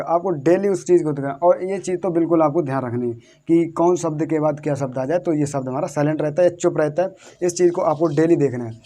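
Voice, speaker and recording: Warm in tone and fairly high, this male English teacher runs a classroom-style lesson. He goes over points repeatedly, spells words one letter at a time, and raises questions for viewers only to answer them himself.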